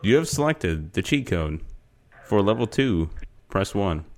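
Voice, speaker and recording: A man's voice: on the low side, very animated, a little mellow, a little hiss or hum. A man putting on a stiff robotic phone-line voice. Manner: slow, halting, robotic prompt reading. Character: stiff male automated code-line voice.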